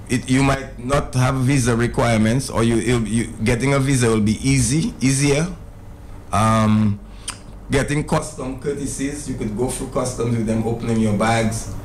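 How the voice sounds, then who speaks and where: A middle-aged man speaks as a guest on a radio talk show, earnest and often repeating words as he restarts. His voice has a gravelly edge at mid pitch. A faint hiss sits under the studio sound. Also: normal speed, poor audio. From Dominica. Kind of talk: casual radio interview.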